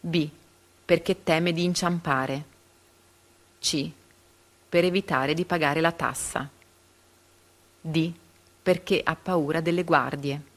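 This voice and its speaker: A woman reading reading-comprehension quiz questions and answer options aloud, pausing carefully after each letter. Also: low voice, fairly even intonation.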